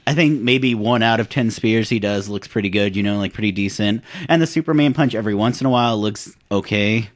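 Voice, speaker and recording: A man's voice: fairly low pitch, brisk, hardly any pauses. A man co-hosting a podcast in casual chat, laid-back and hedging with many "like"s. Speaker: podcast co-host.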